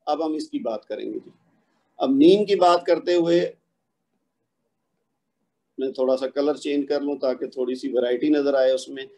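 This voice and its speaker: A man with a Pakistani Urdu accent teaching Quran recitation rules in an online lesson, explaining patiently and reciting examples slowly. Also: mid-range voice, mellow.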